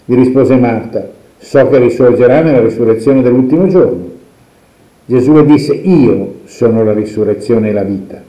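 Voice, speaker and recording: A man reading the Gospel and preaching a homily in a measured, reflective way, pausing and restarting as he thinks. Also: mid-range voice, dark tone. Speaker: priest. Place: church. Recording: echoey, dull church recording.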